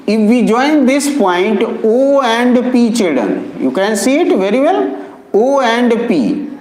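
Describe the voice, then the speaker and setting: Echoey, lively-pitched maths teacher. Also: male voice. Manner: addresses students as children, repeats terms slowly. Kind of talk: classroom lecture. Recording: echoey classroom with long reverb.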